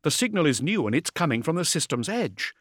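A man voicing a brisk female communications officer on a warship bridge, giving clipped technical reports in a raised voice. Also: fairly high pitch, big pitch swings, fairly bright tone, no echo, clean studio sound, voice pushed up. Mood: brisk reporting.

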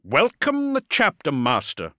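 Guy doing a curt warship captain, short commands, bright edge. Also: fairly high pitch, expressive, moderate pace, dry recording, studio quality, voice pushed up. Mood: curt commanding. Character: male starship lord captain, curt and commanding.

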